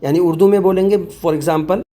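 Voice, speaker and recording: A man's voice: high voice, fairly even intonation, moderate pace, warm tone. A man working as an online tutor, patiently explaining a phone app step by step in a tutorial voice-over and repeating words as he goes.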